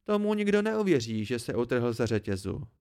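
A man's voice: mid-range voice, big pitch swings, a little mellow, clean tone. A man reading a blunt woman mercenary. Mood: questioning. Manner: doubtful, questioning. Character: blunt practical female mercenary.

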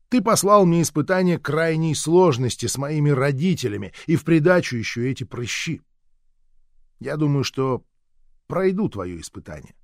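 A man doing a measured, sardonic scripted narration of an audiobook. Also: a little high, dry recording, studio quality.

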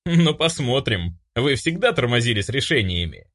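A man's voice: medium pitch, very animated, moderate pace, a bit bright. A smirking demon, read by a man. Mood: teasing. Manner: teasing, smirking. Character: sly mocking male demon. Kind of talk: audiobook character voice.

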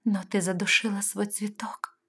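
Woman reading as fragile young princess, high pleading voice, tearful, husky tone. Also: fairly even intonation, moderate pace, a little mellow, lightly acted. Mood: earnest. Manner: high, pleading, sobbing outbursts.

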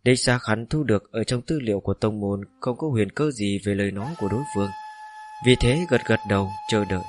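Low-voiced man reading a novel. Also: a little fast. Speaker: narrator. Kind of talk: scripted audiobook narration.

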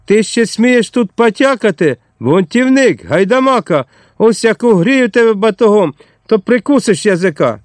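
A man's voice: animated, moderate pace, dry recording. A man voicing a blustering, cowardly village innkeeper who bullies and then pleads in panic, in an audiobook reading. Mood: blustering threats. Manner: shrill, bullying, turns to pleading panic.

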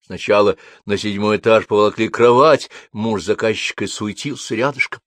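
A man narrating an audiobook in an expressive way. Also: fairly low pitch, normal speed, no echo. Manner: expressive, varied character voices. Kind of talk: audiobook reading.

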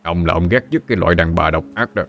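A man's voice: sits low, fast, gravelly, fairly bright tone, faint music behind. A man voicing a cold, harsh wealthy landowner who speaks curtly. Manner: curt, cold.

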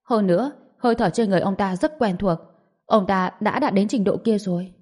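A woman's voice: mid-range voice, fairly quick, darkish tone, lightly acted. A woman reading a wary martial-arts master. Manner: wary, thoughtful.

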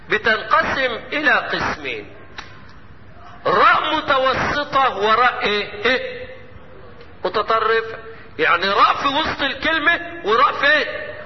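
High-voiced Egyptian sheikh teaching recitation. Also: male voice. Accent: Egyptian Arabic. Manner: quizzes students, answers his own questions; chants verses slowly. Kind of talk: lesson. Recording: echoey hall, muffled lo-fi, faint hiss.

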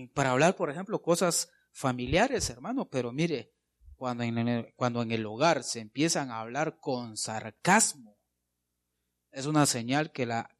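A man preaching a sermon, emphatic and constantly addressing his listeners as brother. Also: medium pitch.

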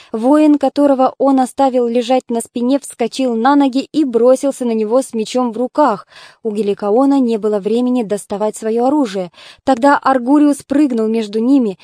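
A woman narrating an adventure audiobook in an even, measured reading. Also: fairly high pitch, no room sound, clean studio sound. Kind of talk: scripted narration.

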